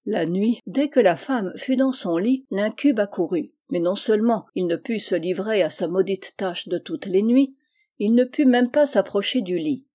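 A woman narrating a saint's legend in a calm, measured reading voice. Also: medium pitch.

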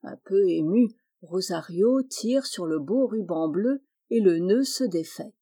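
A woman reading a children's story aloud, gentle and lilting, lifting her voice for the animal characters. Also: mid-range voice, lively intonation, unhurried, husky. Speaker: audiobook reader.

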